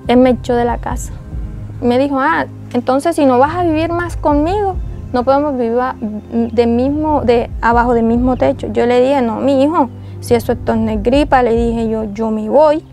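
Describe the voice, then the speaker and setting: A woman's voice: fairly high pitch, fairly even intonation, moderate pace, warm tone, soft background music. A young woman telling her own hard story in an interview, acting out the lines of the people in it. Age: young adult. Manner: recounts dialogue, acting out voices of others. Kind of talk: emotional personal testimony.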